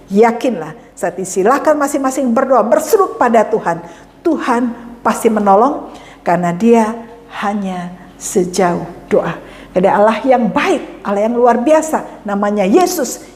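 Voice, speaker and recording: Fervent high-voiced woman pastor preaching. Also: darkish tone, big-room sound. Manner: fervent, repetitive exhortation with acted prayers. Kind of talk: sermon.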